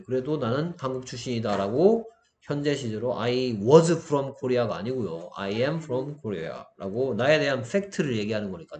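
In a medium-pitched, darkish voice, a man teaches English grammar step by step. He often pauses the explanation to ask his students questions and check that they understand.

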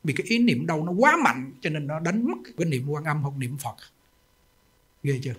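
A man's voice: medium pitch, husky. A man, a Buddhist monk giving a sermon in an emphatic, folksy storytelling way with rhetorical questions.

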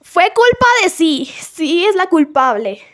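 A woman voicing a panicky little girl who shrieks and pleads in a high, strained voice. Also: very animated, measured pace, heavily acted. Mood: panicked.

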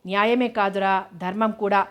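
A calm, firm middle-aged mother in a storybook reading, quiet and measured, as a woman narrator puts her on. Her voice keeps a flat, even line. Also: mid-range voice, close to an everyday voice.

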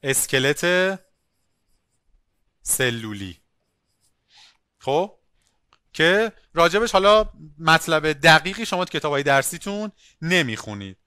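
A male biology teacher giving an online class, lively, asking questions and calling on students by name. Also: on the high side, smooth, no echo, clean studio sound.

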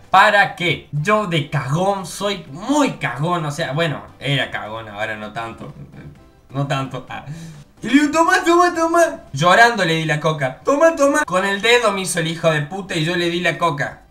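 A young man from Córdoba with a bright, tense edge to his voice and a clearly high pitch for a man. He tells stories in an animated, jokey way and keeps jumping into other people's voices. His Argentine Córdoba accent is strong. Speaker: YouTuber. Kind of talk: casual storytelling.

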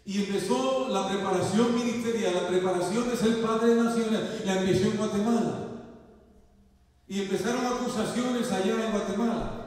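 A man's voice: high-pitched, a little mellow. A male pastor preaching a sermon to his congregation, asking them for amens and acting out the voices in his story. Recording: echoey hall, voice from far off.

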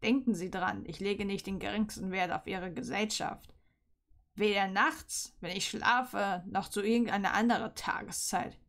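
A woman reading aloud and voicing a cold, mocking male teacher in a slow, lowered voice. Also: a bit bright, natural voice. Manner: slow, low, sneering.

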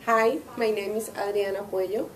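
A woman's voice: medium pitch, steady tone, normal speed, noisy background. A woman from Colombia giving a hesitant testimonial to camera, with many fillers. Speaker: course participant. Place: indoor training room.

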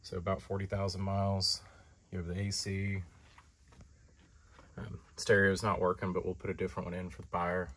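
A man giving a relaxed, conversational walkaround of a car in a large indoor showroom, speaking from behind the camera. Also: sits low, moderate pace, pauses often, a little hiss or hum. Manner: relaxed, conversational, lots of fillers. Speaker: car dealer. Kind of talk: casual walkaround sales tour.

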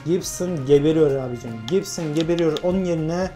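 A young man from Turkey giving lively, self-talking commentary while playing a football video game, urging on his players. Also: fairly high pitch, fairly quick, faint music behind. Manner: animated, talks to himself and his players, frequent laughs. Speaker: gaming YouTuber. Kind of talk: excited gameplay commentary.

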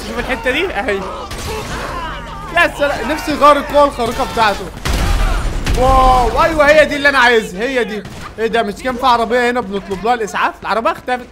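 Egyptian-accented male gaming creator, very high bright voice, rapid excitable play-by-play commentary. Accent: Egyptian Arabic. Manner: excitable, yells at game characters. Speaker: gaming YouTuber.

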